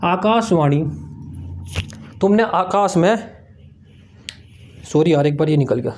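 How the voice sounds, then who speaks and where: A man's voice: high-pitched, slow pace, a little mellow. A man of teaching exam memory tricks, repeating each answer as a question-and-answer drill while writing on a board. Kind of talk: mnemonic tricks lesson.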